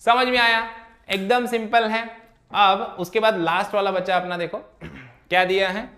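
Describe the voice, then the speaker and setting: A male math teacher, walking his class through each step of the problems. His voice sits high for a man and has a bright, forceful edge. He keeps stopping to check that students follow. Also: steady tone, measured pace. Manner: keeps asking checking questions. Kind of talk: classroom lesson explanation.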